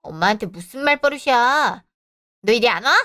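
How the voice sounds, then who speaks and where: A woman voicing a domineering older mother-in-law who scolds in a slow, heavy way, in an audio drama. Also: on the high side, expressive, a bit bright, no echo, studio quality. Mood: scolding.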